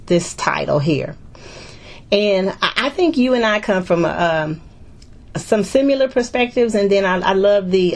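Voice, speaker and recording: A woman's voice: deep voice, vocal fry. Chatty middle-aged woman hosting a talk. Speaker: host. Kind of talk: casual discussion.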